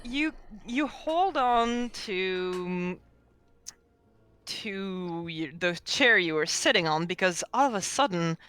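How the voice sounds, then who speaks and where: Brief: female game master, unhurried, very animated pitch, chatty hesitant narration. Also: clean tone.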